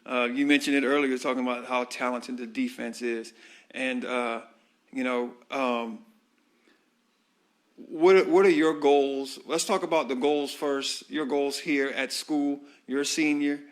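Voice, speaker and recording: A man's voice: medium pitch, steady tone, a little slow. Chatty man interviewing a player. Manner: friendly, rambling questions with many fillers. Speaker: sideline interviewer at a high school football broadcast. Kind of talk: halftime interview.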